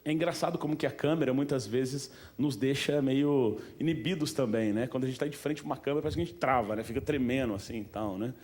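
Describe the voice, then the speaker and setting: A man's voice: medium pitch, fast, hardly any pauses, a little mellow. Chatty Brazilian man addressing an audience. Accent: Brazilian Portuguese. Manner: chatty, asks the audience questions, many fillers. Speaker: speaker at a museum event. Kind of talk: informal talk to an audience.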